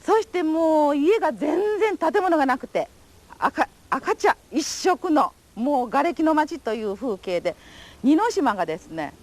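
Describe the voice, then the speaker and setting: At a measured pace, an older woman from Japan speaks in a high, sing-song, slightly mellow voice. She is an atomic bomb survivor whose recorded testimony presents her memories as polite, formal, vivid storytelling.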